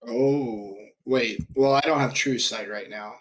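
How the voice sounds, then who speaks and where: A man's voice: medium pitch, unhurried, fairly bright tone. A man chatting casually as a player in a tabletop fantasy game.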